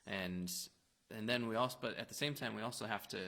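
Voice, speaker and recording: A man with a low, gravelly yet bright, forceful voice co-hosts a casual church youth show. He affirms his partner often and explains his points with plenty of "um" and "you know". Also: fairly quick. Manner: affirming, frequent backchannel. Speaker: church youth leader co-host. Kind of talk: casual faith discussion.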